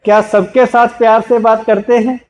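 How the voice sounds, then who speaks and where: A man giving a spiritual talk to an audience, gently teaching and repeatedly asking listeners questions before answering them himself. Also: very high-pitched, little pitch movement, dull audio. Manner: slow, gentle, repetitive teaching. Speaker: spiritual speaker.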